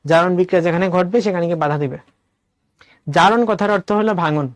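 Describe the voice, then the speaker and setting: A man's voice: sits high, quick pace, no echo, studio quality. A male teacher giving an online class, explaining step by step, asking questions and answering them himself, with English words mixed into his speech. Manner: mixes English words into Bangla.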